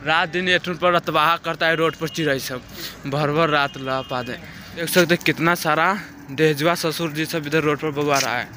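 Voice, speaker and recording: A man's voice: on the high side, sharp tone, slight background noise. A young man, narrating a casual village vlog as he walks, talking to a phone camera held at arm's length outdoors. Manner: chatty, walking narration to a handheld camera. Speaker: vlogger. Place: outdoors in a foggy village field.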